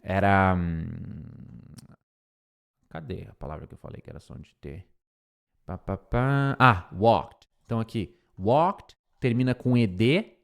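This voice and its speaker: This English lesson is led by a medium-pitched man with a Brazilian Portuguese accent. He gives explanations in Portuguese and drills pronunciation by repeating English words slowly.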